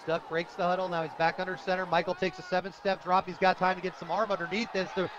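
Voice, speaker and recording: An American man does live radio play-by-play of a football game from a noisy outdoor stadium, using short, clipped, vivid phrases. His voice is high and fast with little pitch movement, and the sound is lo-fi.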